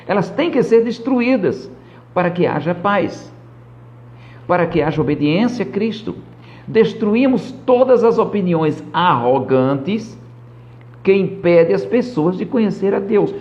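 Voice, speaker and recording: A man's voice: a little high, a little mellow. A Brazilian man, a pastor giving a live-streamed Bible lesson in a didactic, emphatic way, often checking that listeners follow. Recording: dull, lo-fi live stream audio.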